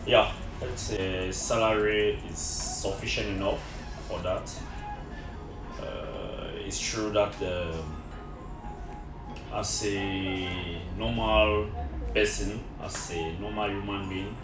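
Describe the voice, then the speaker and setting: Slow, hesitant male interviewee from Cameroon; distant echoey recording over music. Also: fairly low pitch, level tone. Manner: slow and halting, many fillers. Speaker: interview guest, French teacher. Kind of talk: casual interview. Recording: echoey room from far off with music.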